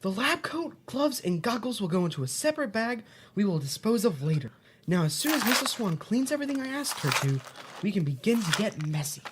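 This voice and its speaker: In an audio drama parodying an educational kids' show, a woman plays a cheerful, bossy host, giving instructions in an upbeat, reassuring, instructive way. Her natural voice is medium-pitched, sing-song, and a little fast, with slight background noise.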